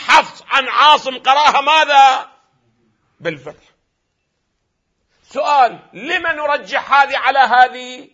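An Iraqi-accented religious scholar delivers a lecture in a high, ringing voice. He keeps firing questions at his audience and answering them himself, sometimes pushing his voice loud for emphasis. The recording sounds dull and lo-fi. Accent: Iraqi Arabic. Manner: emphatic, at times raises his voice. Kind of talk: lecture on Quranic readings.

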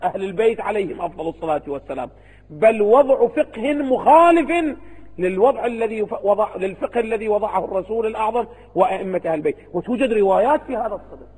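Man, Iraqi Arabic accent, seminary lecture, rapid delivery, rhetorical questions, reverberant hall. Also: sits high, expressive, darkish tone, husky. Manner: keeps asking rhetorical questions and answering them himself. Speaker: religious scholar teaching students.

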